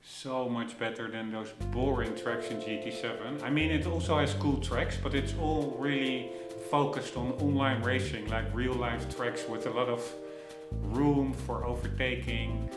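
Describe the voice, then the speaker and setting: A man's voice: mid-range voice, steady tone, a little slow. Chatty man commenting over racing game music. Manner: chatty, thinks aloud, self-correcting. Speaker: gameplay commentator. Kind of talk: casual game commentary, reading out instructions. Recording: echoey room with game music behind.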